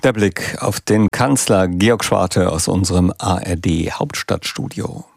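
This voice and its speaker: Brief: male radio host, low and gravelly, dry booth sound. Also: slow, no room sound. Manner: crisp announcer delivery. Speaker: radio presenter. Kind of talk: scripted radio presenting.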